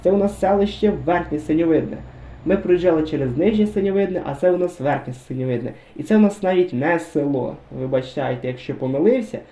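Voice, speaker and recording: A man's voice: on the high side, mellow. A man giving casual, chatty commentary over a driving game, musing aloud and talking straight to his viewers. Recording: roomy echo.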